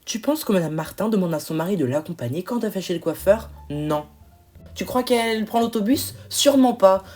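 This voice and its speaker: A woman's voice: medium pitch, a little mellow, close to an everyday voice. A woman voicing an anxious, fussy young housewife in a toy-figure film, speaking in a fretful, emphatic way.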